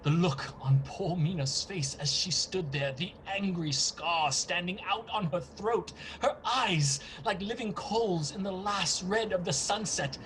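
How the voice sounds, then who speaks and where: A man playing a haunted husband in a radio play, gravely and dramatically recounting events. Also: sits high, a little slow, few pauses, a bit bright, a little hiss or hum, rough recording.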